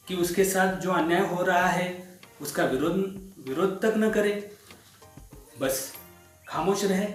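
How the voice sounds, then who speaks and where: A teacher acting out a stern, shouting master. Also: male voice, high voice. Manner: loud, forceful, scolding delivery. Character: stern, hot-tempered middle-aged male employer. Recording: echoey room, faint instrumental music.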